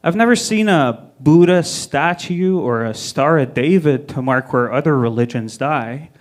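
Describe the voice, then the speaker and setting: A man's voice: fairly high pitch, lively intonation, measured pace. A man from Egypt doing a brash stand-up set, swearing and hyping up a small crowd. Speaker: stand-up comic. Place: small live comedy venue.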